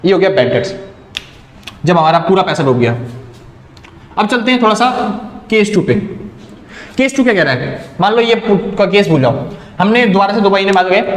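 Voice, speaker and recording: A man's voice: high-pitched, reverberant. A man teaching an accounting lecture, explaining step by step and asking and answering his own questions.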